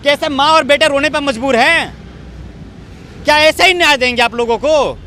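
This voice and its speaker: A man's voice: very high voice, normal speed, pushed and bright, slight background noise. A man reporting from outdoors, speaking with anger and accusation. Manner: angry, accusing. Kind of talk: street news report.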